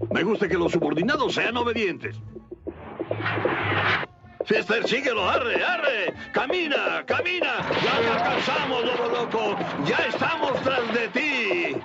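Behind loud music on a dull old soundtrack, a little western sheriff blusters in Latin American Spanish. He is high-voiced, bossy and indignant, a short-tempered cartoon lawman. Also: animated, unhurried, vocal fry, full character voice. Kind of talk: cartoon dubbing.

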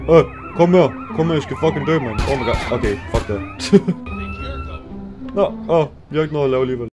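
A young man giving excitable, swear-filled let's play commentary, mixing in English slang. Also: a little high, over music. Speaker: gaming YouTuber.

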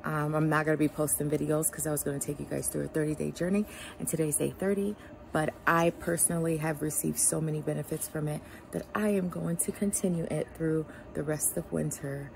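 A woman with a low voice and a gravelly creak speaks as a vlogger from an ice bath. Her delivery is casual and heartfelt, addressed straight to her followers. Faint noise sits behind her. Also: steady tone, a little fast, a little mellow, poor audio. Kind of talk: casual, heartfelt talk to camera.

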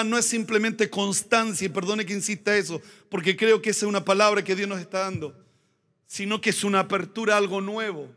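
A man preaching a sermon as pastor, emphatic and repeating key phrases, slowing down to stress words. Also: high-pitched, pushed and bright.

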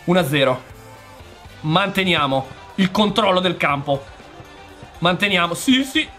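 Excitable gamer yelling at the referee. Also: male voice, high voice, unhurried, faint music behind. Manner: shouting, exasperated outbursts at the referee. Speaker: gaming youtuber. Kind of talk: excited live game commentary.

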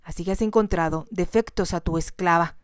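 Heartbroken young bride, read by a woman in whispered role-play, soft, pleading, dry close sound. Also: on the low side, brisk, no echo, close to an everyday voice.

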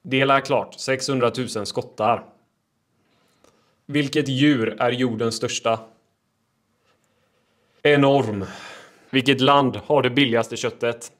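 A man presenting fast quiz and fact clips for social media, with quick, punchy delivery and deadpan pun jokes. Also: mid-range voice. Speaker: TikTok creator.

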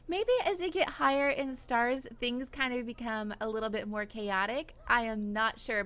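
A woman giving casual let's-play commentary on a video game, excitable and exclamatory, laughing often. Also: high voice. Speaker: gaming YouTuber.

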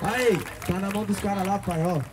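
Brazilian male street-battle MC, pitched very high, hyping in slang over a loud crowd. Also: a little fast, noisy background. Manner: slangy, call-and-response chanting. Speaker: rap battle host. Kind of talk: shouted hype hosting with street slang. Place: outdoor night street battle among crowd. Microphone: handheld microphone. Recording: loud crowd and beat behind.

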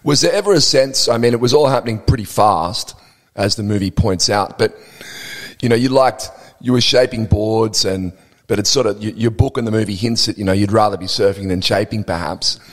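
A man's voice: on the low side, brisk, big-room sound. A man hosting a podcast interview, asking long, winding questions full of hedges. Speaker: podcast host, magazine editor.

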